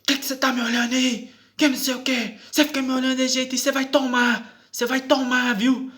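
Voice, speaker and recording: A man mimicking a shrill, furious policewoman. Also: little pitch movement, fast talker, pushed and bright. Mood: threatening. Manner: shrill, explosive, dismissive. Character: furious shouting female police officer.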